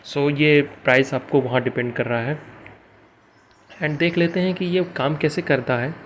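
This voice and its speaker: A man's voice: on the high side, fairly even intonation, slight background noise. Hesitant man explaining a medicine. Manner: halting, many fillers and restarts, mixes English into Hindi. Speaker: pharmacy vlogger.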